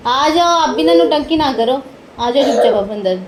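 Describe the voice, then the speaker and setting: A woman's voice: high voice, lively intonation, normal speed, very noisy. A mother at home firmly scolding her child, giving stern commands over and over. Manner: stern, firm, repeating commands.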